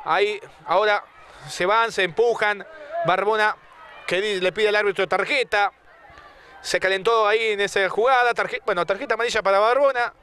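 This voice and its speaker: A man's voice: sits high, fairly even intonation, normal speed, bright, forceful tone, slight background noise. A man calling a football match live, play by play.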